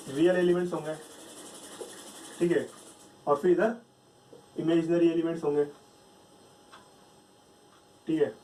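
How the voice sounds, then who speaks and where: High-voiced man teaching math, far from mic. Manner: explains step by step, asks and answers his own questions. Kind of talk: whiteboard math lecture.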